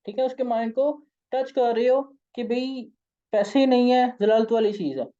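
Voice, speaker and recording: A hoarse, tired man with a Pakistani accent, leading an online sales training session in an informal, coaxing way. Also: extremely high pitch, normal speed, warm tone, lo-fi sound. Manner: informal, coaxing, keeps saying "okay". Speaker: sales trainer and company founder.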